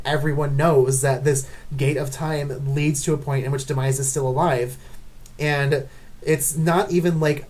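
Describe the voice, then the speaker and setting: A video creator ranks game characters in an unscripted rant, her low, mellow voice sounding exasperated and packed with "like" fillers.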